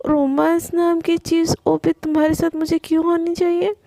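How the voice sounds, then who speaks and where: A strict, caring young woman scolds and lectures in a spoken love story, as a woman puts her on. Her voice is high and mellow, with a touch of fry. The sound is dry. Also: flat delivery, moderate pace, no echo. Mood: scolding. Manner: scolding, stern.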